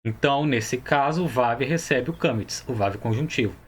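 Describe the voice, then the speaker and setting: A man's voice: mid-range voice, moderate pace, husky. A man with a Brazilian Portuguese accent teaching a Hebrew grammar lesson, explaining each step patiently and often checking that the viewer follows.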